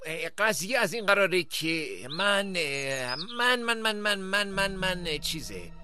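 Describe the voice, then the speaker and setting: An actor playing a shy young troll in a cartoon film dub, stammering and hesitant. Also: male voice, high voice, lively intonation, pushed and bright, clear, resonant tone, no room sound, exaggerated voice. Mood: flustered. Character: awkward young male troll, shy and flustered. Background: music.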